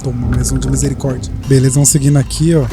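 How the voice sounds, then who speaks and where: A man giving excitable gameplay commentary, cursing at enemies as he plays. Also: medium pitch, very fast. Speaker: gaming streamer. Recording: voice over loud game music.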